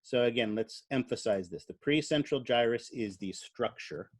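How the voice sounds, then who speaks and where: A man's voice: medium pitch, moderate pace. A man giving a biology lecture in a classroom. He explains at an easy, conversational pace, uses fillers like "uh," and puts questions to the students.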